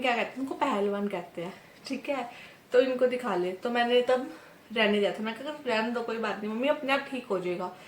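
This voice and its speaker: In an echoey room, a young Indian vlogger with a somewhat bright, high-side voice tells a story to the camera. She's chatty, acts out the back-and-forth with others, and frequently adds "ठीक है".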